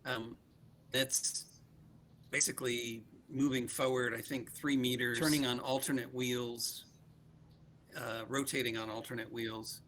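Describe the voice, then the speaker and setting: On a video call, a man casually shows off his robot project, his speech full of ums and restarts. His medium-pitched voice is unhurried and flat, with a fairly bright tone. The computer mic clips and distorts, adding a little hiss or hum.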